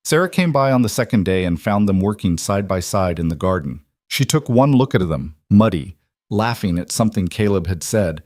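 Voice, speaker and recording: Low-voiced man narrating a story. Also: no echo, studio quality. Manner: measured, even storytelling. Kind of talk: scripted narration.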